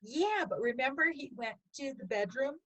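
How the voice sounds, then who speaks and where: Lively middle-aged woman chatting. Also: sits high, poor audio. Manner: lively, quick to laugh. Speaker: podcast co-host. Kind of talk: casual chat.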